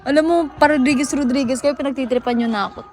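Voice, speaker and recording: A woman from the Philippines chats casually with viewers on a phone livestream, her voice sitting high. She teases, laughs often and slips easily between languages. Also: fairly even intonation, quick pace, darkish tone. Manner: playful and teasing, laughs often, mixes in English. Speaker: livestream host.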